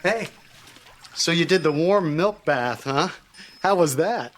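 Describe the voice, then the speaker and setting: High-voiced, chummy middle-aged dad. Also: male voice, expressive, slow pace, soft background music. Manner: chummy, coaxing, insistent. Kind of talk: sitcom acting. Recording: noisy sitcom soundtrack.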